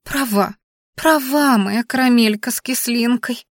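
A woman voicing a fussy, excitable furry male creature who serves as a governess, squealing and flustered. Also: on the high side, a little slow, no echo, clean studio sound, pitched above the performer's own voice, lightly acted. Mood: fawning. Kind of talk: audiobook character voice.

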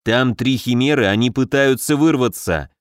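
A man's voice: medium pitch, clear, resonant tone, no room sound, studio quality, close to an everyday voice. Man voicing a jittery young air mage. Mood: alarmed. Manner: anxious, hurried.

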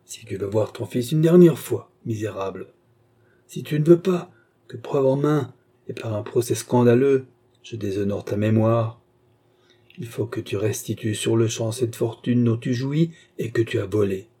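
A stern, implacable old soldier, performed by a man reading a novel aloud, speaking with contemptuous authority. The voice sits low and dark, with a husky grain. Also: steady tone, normal speed. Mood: urgent. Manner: harsh, commanding, contemptuous. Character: old vengeful former hussar servant, implacable.

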